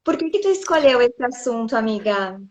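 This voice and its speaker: A woman's voice: on the high side, expressive, moderate pace. A woman hosting a casual live stream, greeting viewers by name and chatting.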